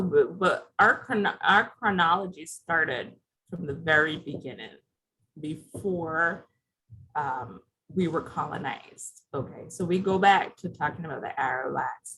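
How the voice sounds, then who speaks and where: A woman's voice: deep voice, takes it slowly, bright, forceful tone, poor audio. A woman from Barbados, giving a conversational presentation over a video call and putting questions to her audience. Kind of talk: interactive presentation.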